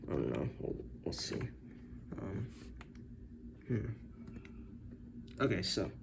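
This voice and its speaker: A man's voice: low-pitched, sing-song, takes it slowly, creaky, noisy background. A man thinking aloud, hesitant and unsure, as he tinkers with a circuit, recorded on a camera's built-in mic. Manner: hesitant, unsure, many self-corrections. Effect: camera-recorded audio. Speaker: hobbyist building circuits.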